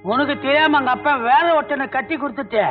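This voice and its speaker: A man's voice: very high-pitched, quick pace, faint music behind. An actor playing a drunk, weepy male servant who blabbers gossip, in a 1980s film scene on a tinny soundtrack. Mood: tipsy, maudlin. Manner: slurred tipsy blabbering.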